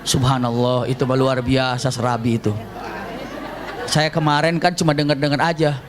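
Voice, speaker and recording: A man giving a storytelling religious lecture, acting out shouted characters and laughing often. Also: mid-range voice, flat delivery, moderate pace, a crowd in the background. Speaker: preacher.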